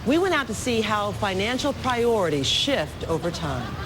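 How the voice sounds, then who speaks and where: A woman anchoring a morning TV show, briskly guiding a finance segment and interviewing a guest. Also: mid-range voice, big pitch swings, over loud music, poor audio. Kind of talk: live TV interview.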